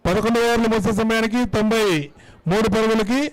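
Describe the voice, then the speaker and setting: A man's voice: high-pitched, level tone, fast, rough recording. A man giving live ball-by-ball cricket commentary.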